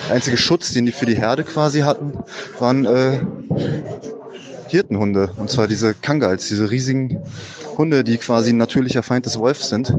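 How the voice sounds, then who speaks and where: Man on a low quality recording in a noisy gym. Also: normal speed. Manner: loose and rambling, with many fillers. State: a bit frazzled. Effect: low quality sound recording. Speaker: biology teacher. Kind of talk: casual spoken comment, explaining science. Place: at a gym, doing sport. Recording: poor quality recording with loud crowd noise behind.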